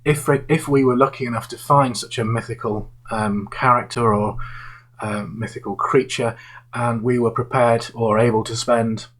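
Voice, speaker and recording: A man who manages investments, walking listeners through an example in a halting style with many fillers and restarts. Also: medium pitch, steady tone, a bit bright, rough recording. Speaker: investment manager presenting to clients. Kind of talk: explanatory investment talk.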